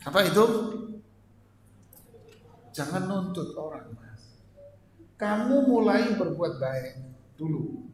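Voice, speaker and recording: A male religious teacher giving a joking, lively marriage lecture to an audience. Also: on the high side, slight background noise. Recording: echoey hall, faint ambience.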